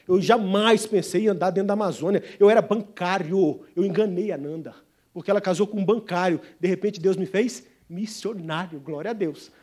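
A middle-aged pastor and missionary preaches a sermon in a high voice. He tells stories emphatically, swinging between loud and hushed.

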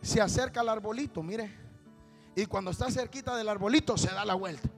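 A male preacher telling a story in a sermon, rising to shouted exhortation and calling his listeners brother. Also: high-pitched, fairly quick, vocal fry, faint music behind. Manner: calls listeners "hermano" constantly. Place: church.

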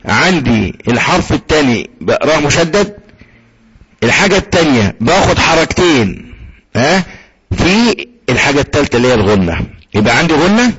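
A man with an Egyptian accent teaching tajweed. He often asks a question and answers it himself, and he recites slowly when he gives an example. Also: a little high, a bit bright, breathy edge, highs cut off. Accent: Egyptian Arabic.

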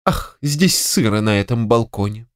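A man reading a story, voicing a capricious, imperious elderly wife of a general, raised in pitch and full of reproachful exclamations. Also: expressive, a little slow, no echo, clean studio sound.

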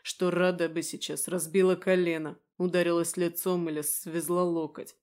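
Man, first-person audiobook narration, flat monotone delivery. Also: on the high side, normal speed.

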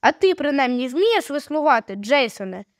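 A woman's voice: sits high, sing-song, normal speed, no room sound, studio quality. A woman voicing a bossy young boy captain who barks orders at his friends. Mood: commanding. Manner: commanding, impatient shouting.

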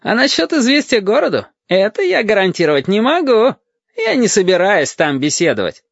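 A man's voice: extremely high pitch, sing-song, normal speed, a bit bright, dry recording, pitched above the performer's own voice, exaggerated voice. A man voicing a panicky adult navy lieutenant who shrieks and blusters, in an audiobook reading. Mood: mocking. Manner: screechy, blustering, barking orders. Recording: dull, dry audiobook recording.

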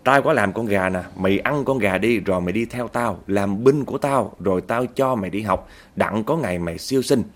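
A man's voice: on the low side, brisk, lightly acted. A man playing a wrathful male guardian spirit who gives orders and scolds. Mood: lenient. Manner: commanding, scolding.

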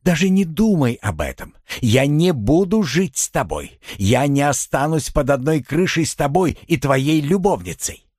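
A man voicing a furious, jealous young wife in an audiobook, with shrill, scornful outbursts. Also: big pitch swings, a little slow, slightly rough, no room sound, studio quality, exaggerated voice. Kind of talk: audiobook character voice.

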